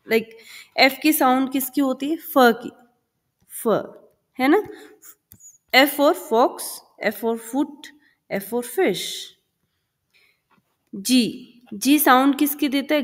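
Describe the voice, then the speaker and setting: Slow, patient Indian woman teacher. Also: a little high. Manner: patient, says letters and words slowly and repeats them; switches between Hindi and English, calls the listener "beta". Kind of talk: slow explanatory lesson for young children. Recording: long hall reverb.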